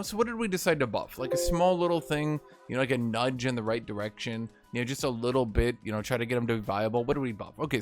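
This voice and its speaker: Sarcastic and salty, this gaming-video host rants in a medium-pitched voice that's slightly hoarse.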